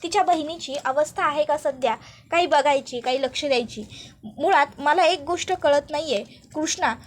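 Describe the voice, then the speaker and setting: A woman's voice: high voice, normal speed, natural voice. A woman voicing a frustrated young man who talks curtly and sounds exasperated. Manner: curt, exasperated.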